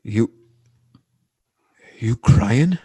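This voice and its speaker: Here the working-class character from a 1940s radio drama, voiced by a male actor, sounds subdued yet animated, his mid-range voice mellow with a breathy edge and an exaggerated quality. He stumbles through slangy, halting phrases, plain-spoken and earnest in his indignation at the rich. The recording is dry and close, without room sound.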